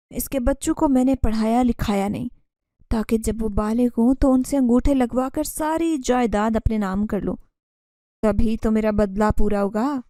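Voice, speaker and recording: A woman's voice: on the high side, warm tone, no room sound, clean studio sound, close to an everyday voice. A woman voicing a vengeful, scheming aunt who speaks bitterly and growls threats.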